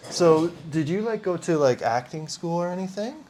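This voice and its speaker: A woman host, curiously asking short questions and reacting quickly. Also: lowish voice, lively intonation, dark tone, slight background noise. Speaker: podcast host. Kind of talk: casual interview chat.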